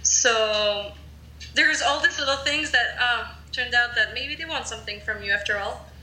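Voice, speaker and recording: A young Frenchwoman with a French accent chats casually on a podcast, hedging her points with fillers. Her voice is on the high side, pushed and bright, at a normal speed, and the recording has a roomy echo.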